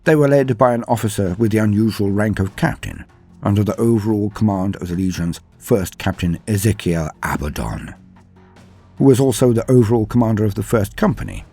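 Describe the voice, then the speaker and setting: A husky, low-voiced man narrates lore as a channel host, sounding expressive, mellow, and a little fast. His delivery is theatrical and florid yet self-deprecating, mixing scripted narration with chatty asides. Background music plays beneath his voice.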